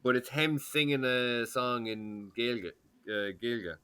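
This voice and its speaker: This Irish-accented man, a podcast co-host, has a mid-range, clear and resonant voice that's a bit bright and slow. His casual talk wanders, hesitates and restarts often, packed with fillers.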